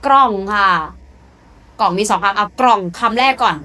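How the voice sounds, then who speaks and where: A woman's voice: medium pitch, moderate pace, sharp tone. A woman teaching beginners in a classroom, patiently repeating syllables one at a time. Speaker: Korean language teacher. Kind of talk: beginner spelling drill lesson.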